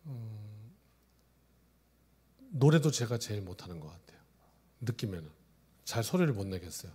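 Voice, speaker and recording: A male pastor in his forties preaching a sermon, telling stories, swinging from loud exclamations to hushed asides. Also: lowish voice, big pitch swings, normal speed, slight background noise. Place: church sanctuary.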